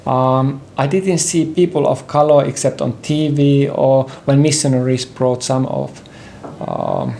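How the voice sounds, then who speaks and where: An older man with a Finnish accent, a native Finnish speaker talking in English in a personal sofa conversation, halting and careful with many pauses and throat-clearings. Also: mid-range voice, warm tone, slight background noise. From Finland. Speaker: interview guest, partner in conversation. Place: indoor living room with bookshelves.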